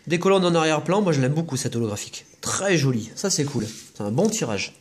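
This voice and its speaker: Husky and very animated, a high-voiced man hosts a laid-back pack-opening video. He lists each trading card as it appears and tosses in a quick comment.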